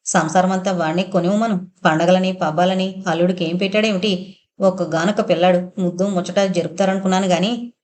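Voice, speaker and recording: A woman's voice: on the low side, fairly even intonation, a little fast, darkish tone, close to an everyday voice. A woman reading the part of a weary, resigned mother who sighs over her son's troubles. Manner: sighing, resigned. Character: middle-aged mother, weary and tearful.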